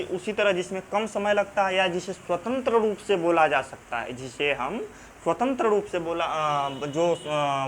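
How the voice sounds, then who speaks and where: With a Banarasi Hindi accent and a fairly high, bright voice, a man teaches a grammar lesson, repeating key terms over and over and pausing to ask "theek hai" to check the class is following. His delivery is halting, full of fillers, restarts and drawn-out sounds, with a faint hiss beneath the recording.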